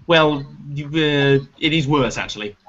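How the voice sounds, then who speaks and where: Chatty British man, a touch high. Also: measured pace, fairly bright tone. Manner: chatty, rambling, self-mocking jokes. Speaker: show host. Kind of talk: casual podcast chat. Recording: slightly dull lo-fi audio with faint hiss.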